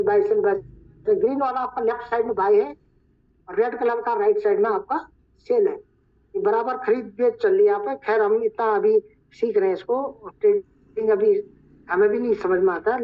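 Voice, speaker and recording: Hoarse man narrating a screen tutorial. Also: sits high. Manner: talks viewers through each step, repeating "look". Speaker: trainer. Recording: dull lo-fi recording.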